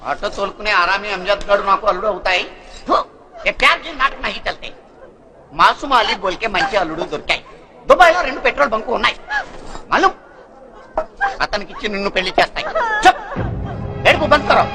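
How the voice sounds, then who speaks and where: A man's voice: high-pitched, very animated, quick pace, long pauses, crowd noise. An actor playing a stern older father who harshly scolds his daughter about her marriage, in feature film dialogue. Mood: angry scolding. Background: film music.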